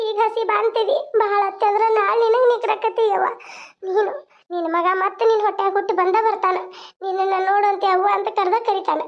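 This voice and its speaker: A woman voicing an elderly grandmother with a North Karnataka Kannada accent, gently coaxing and soothing. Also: very high-pitched, flat delivery, fairly quick. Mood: consoling. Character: elderly grandmother consoling her daughter. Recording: dull lo-fi sound.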